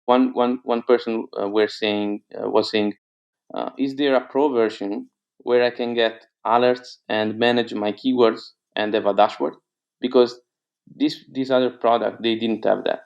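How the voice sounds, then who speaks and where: In a relaxed interview, an Italian-accented entrepreneur, Italian being his first language, stumbles along with frequent fillers and false starts. He has a medium-pitched, steady, creaky voice, unhurried, and the audio sounds dull.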